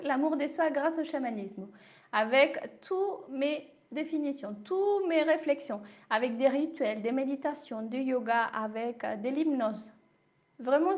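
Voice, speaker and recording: A woman's voice: sits high, a little mellow, muffled recording. A woman speaking French with a slight accent, giving a live coaching talk and answering viewers by name in a reassuring way. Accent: non-native French accent. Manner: reassuring, repeats "d'accord?", addresses viewers by name. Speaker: life coach and shamanism speaker.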